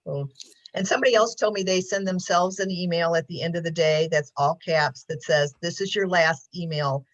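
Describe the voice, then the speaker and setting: A woman's voice: fairly low pitch, steady tone, a little fast. A woman counselor giving a casual talk on a video call, chatty and laughing often, with many ums. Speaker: mental health counselor. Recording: dull lo-fi call audio.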